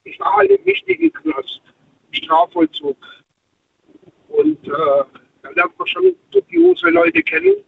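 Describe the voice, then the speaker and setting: A man's voice: extremely high pitch, steady tone, measured pace, creaky, pauses often. A man calling in from the hands-free speakerphone in his truck cab, talking casually and hesitantly with many fillers over a dropping phone line. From Heidelberg area, Germany. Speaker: caller. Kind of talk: casual call-in chat. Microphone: hands-free car kit. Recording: tinny, dropping phone line with faint noise.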